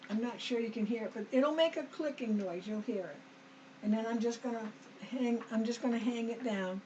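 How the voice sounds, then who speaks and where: Woman, sewing tutorial host, slightly high voice, homey and chatty, a bit dry-throated, dull home recording with faint noise. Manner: homey, talks to viewers as "us", frequent okays and restarts. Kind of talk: chatty step-by-step sewing demonstration.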